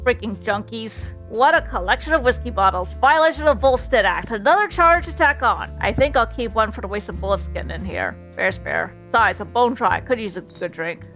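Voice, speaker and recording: A hard-boiled male detective from the 1930s, as a woman puts him on, talking in a tough Brooklyn drawl. The voice sits rather high for such a man. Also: animated, fairly quick, hardly any pauses, fairly bright tone, soft background music. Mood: gruff. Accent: put-on Brooklyn.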